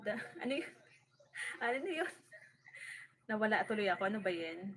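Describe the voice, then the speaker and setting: A woman's voice: medium pitch, sing-song, moderate pace, slight background noise. A woman from the Bicol region of the Philippines, hosting a casual farm-vlog livestream and greeting viewers by name as she fusses over her audio setup. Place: rural home in the province.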